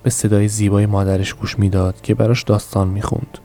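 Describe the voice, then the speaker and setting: A man narrating a novel for a podcast, reading in a steady, measured storytelling manner. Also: fairly low pitch, soft background music. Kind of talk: scripted audiobook narration.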